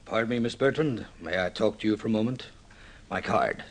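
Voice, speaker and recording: Here a man performs the role of a middle-aged director with fairly low pitch, delivering lines in a deliberate, theatrical vintage radio style. He comes across as intense and mournfully insistent, solemn and intent.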